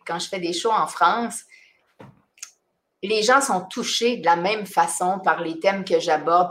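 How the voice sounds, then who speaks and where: A middle-aged woman with a Québécois accent, a singer-songwriter chatting casually in an interview, animated and self-mocking, often laughing. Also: lowish voice. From Quebec.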